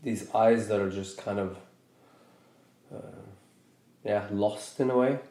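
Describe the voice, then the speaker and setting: This podcast host, a Norwegian man in his thirties, works through his ideas in reflective, casual talk, pausing, circling back and starting over as he goes. He sounds low-pitched, warm and mellow, slow and thoughtful, in a room with plenty of echo.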